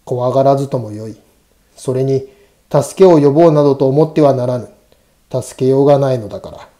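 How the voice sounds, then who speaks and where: A man's voice: medium pitch, fairly quick, warm tone, lightly acted. A man voicing a stern, protective temple priest with grave, old-fashioned, admonishing speech in a ghost story reading. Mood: stern warning.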